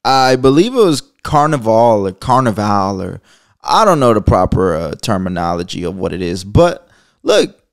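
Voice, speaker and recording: A man's voice: fairly low pitch, big pitch swings, moderate pace, vocal fry. A man hosting a casual commentary show, talking in loose, slangy, profane bursts and laughing often. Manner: loose, rambling delivery with restarts. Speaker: commentary channel host.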